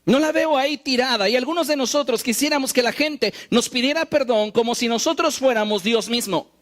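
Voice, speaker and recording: A man preaching a sermon, animated and wry, acting out the quoted lines he tells. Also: very high-pitched, brisk. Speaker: pastor.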